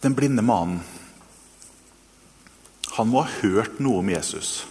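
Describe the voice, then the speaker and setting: A man preaching a sermon, retelling a story with earnest energy and then guiding listeners through a quiet reflection. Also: fairly low pitch. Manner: earnest, animated storytelling that later turns soft and hushed. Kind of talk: sermon with guided meditation. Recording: long reverb in a hall, faint noise.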